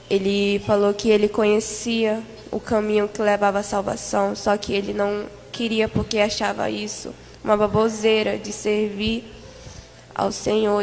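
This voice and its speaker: A woman recounts a vision in an earnest church testimony, addressing the congregation as she goes. Her voice is gravelly and sits on a flat, even line. The recording carries a long reverb tail. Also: medium pitch, a little hiss or hum. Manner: earnest storytelling, repeating "amados" to the congregation. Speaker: church member giving testimony.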